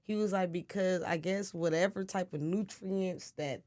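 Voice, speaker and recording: A woman's voice: fairly low pitch, steady tone, normal speed, darkish tone, no room sound, studio quality. Laid-back young woman rapper. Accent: Los Angeles. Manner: laid-back, laughs often, acts out quotes. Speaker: rapper, guest. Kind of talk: casual interview chat.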